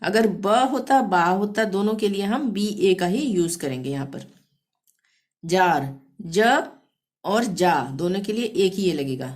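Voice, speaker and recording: A woman teaching a language lesson, spelling words letter by letter and repeating phrases slowly and patiently. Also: mid-range voice, lively intonation, a little mellow. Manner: repeats "theek hai" to check understanding. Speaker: Hindi teacher.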